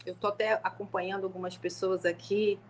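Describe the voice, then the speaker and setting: A middle-aged woman from Rio de Janeiro with a carioca accent softened by years in Manaus, a law professor telling her story in a conversational live stream with many fillers and restarts. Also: medium pitch, level tone, a little fast, a little hiss or hum. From Rio de Janeiro, Brazil. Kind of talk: live-stream talk, personal testimony. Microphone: home live stream.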